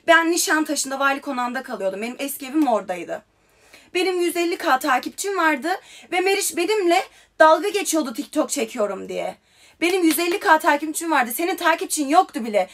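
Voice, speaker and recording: A young woman ranting heatedly into her phone on a livestream, firing off confrontational questions. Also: very high voice. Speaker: TikTok livestreamer. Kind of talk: angry livestream rant.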